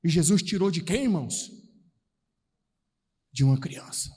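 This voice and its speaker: A man with a Brazilian Portuguese accent preaching a charismatic sermon at a retreat, animated, calling out to the brothers and acting out Bible scenes in slangy everyday voices. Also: fairly high pitch, a little slow, slightly rough. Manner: calls out to the audience, repeating "irmãos". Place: large hall at a retreat. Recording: reverberant hall sound.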